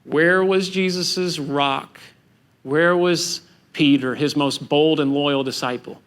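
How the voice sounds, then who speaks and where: A man preaching a sermon as pastor, animated and acting out the voices of biblical figures. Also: on the high side, slow pace.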